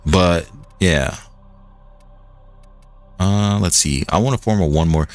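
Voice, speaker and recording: Deep-voiced young man rambling on stream. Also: slow, faint music behind. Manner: rambling, loose, with lots of "like" and restarts. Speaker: game streamer. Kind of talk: casual gaming commentary.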